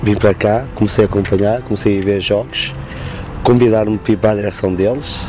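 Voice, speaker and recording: A man with a northern Portuguese accent, a supporters' group leader, talks casually in an interview in halting, loose phrases. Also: on the low side, fairly even intonation, mellow, a little hiss or hum. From Guimarães, northern Portugal.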